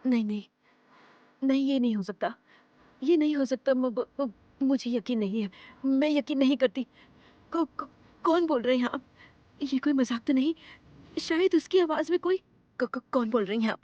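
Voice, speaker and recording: An actress playing a frightened elder sister-in-law who stammers and repeats herself in panic. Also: female voice, high voice, normal speed, pauses often, warm tone, dry recording, lo-fi sound, natural voice. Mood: fearful. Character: frightened married woman, haunted by a caller. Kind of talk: Hindi TV serial acting. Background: dramatic background score.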